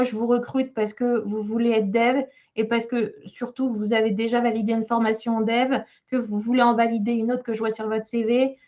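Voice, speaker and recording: Woman job coach reviewing a CV in a webinar, talking hesitantly with many fillers, a fairly high voice, and a muffled lo-fi sound. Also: a little mellow. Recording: slightly dull lo-fi sound.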